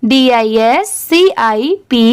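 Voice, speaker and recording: Patient woman English teacher, higher voice, deliberate unhurried delivery. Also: expressive, clear, resonant tone. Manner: spells words letter by letter, slow and patient. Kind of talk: spelling-out reading lesson.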